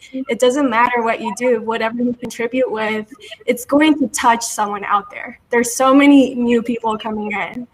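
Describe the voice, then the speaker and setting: A woman's voice: fairly high pitch, rough recording. A woman who makes videos, speaking as a guest in an upbeat, encouraging way. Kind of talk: casual chat.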